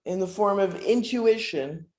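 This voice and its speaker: A woman instructor giving an informal guided relaxation lesson, speaking haltingly with many pauses. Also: medium pitch, animated, darkish tone. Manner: halting, hesitant, with frequent pauses and throat clearing. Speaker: instructor leading a breathing exercise. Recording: roomy, echoing sound.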